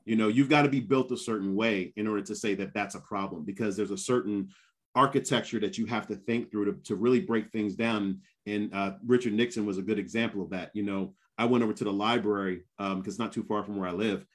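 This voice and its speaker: A man in his fifties chatting casually and telling stories in an animated way, with emphatic repetition. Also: lowish voice, fast. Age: 50s. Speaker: guest, former Marine. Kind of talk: casual conversational storytelling.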